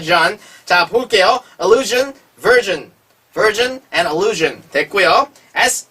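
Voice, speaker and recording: A phonics teacher who says each English word slowly and more than once, then explains its sound. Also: mid-range voice, bright, forceful tone, slightly rough, distant mic. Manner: slow, repeats each word aloud for drilling. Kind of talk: phonics lesson.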